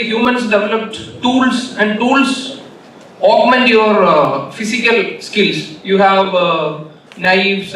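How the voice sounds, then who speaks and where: A man with a Malayalam accent gives an informal conference keynote in a halting way, often repeating phrases. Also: sits high, pushed and bright. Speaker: keynote speaker. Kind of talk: informal conference talk with anecdotes. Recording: echoey hall, distant mic, faint noise.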